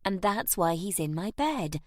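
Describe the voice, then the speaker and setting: Gentle caretaker, young woman, soothing and warm, a woman narrator doing her. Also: fairly low pitch, lively intonation, measured pace, dry recording, clean studio sound. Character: kind young woman caring for orphans.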